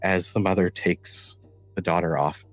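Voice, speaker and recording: Man, game master, deep voice, halting narration, close dry mic. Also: fairly even intonation, a bit bright, no room sound, soft background music. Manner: halting, restarting descriptive narration.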